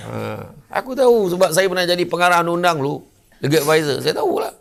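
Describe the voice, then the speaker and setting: A man's voice: fairly high pitch, fast talker, creaky. An older man with a Malaysian Malay accent giving a humorous sermon, telling stories and acting out the characters. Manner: lively storyteller who acts out characters. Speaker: religious lecturer. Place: lecture venue.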